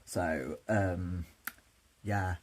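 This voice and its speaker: A man's voice: deep voice, steady tone, extremely slow, slight background noise, low-quality recording. A young man, a drag performer, chatting to camera in a rambling, sleepy, self-interrupting way about makeup. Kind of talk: casual chat to camera. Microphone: camera mic.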